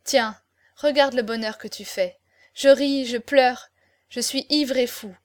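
A woman's voice: a little high, fairly even intonation, unhurried, lightly acted. A woman reading the part of an ardent young male swordsman in love, with impassioned declamation. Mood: exalted. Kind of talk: audiobook character reading.

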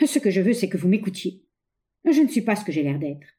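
A woman's voice: medium pitch, big pitch swings, fairly quick, warm tone, lightly acted. A woman voicing a brutal, obsessive masked male bandit in an audiobook reading, with an insistent, commanding delivery.

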